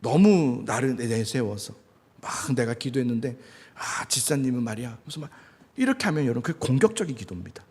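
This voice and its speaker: A male pastor preaching in a conversational way, now and then acting out loud, angry prayers. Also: medium pitch, very animated, fairly quick, breathy edge, big-room sound. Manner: conversational, acts out angry prayers with sudden shouts. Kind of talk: sermon.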